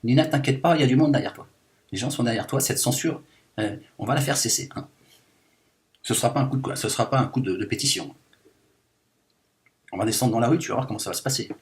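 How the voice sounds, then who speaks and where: A man gives a satirical monologue in the voice of a self-styled liberated woman, pausing often within a quick pace. His medium-pitched, lightly acted delivery is an indignant rant that rambles through endless fillers with mock outrage.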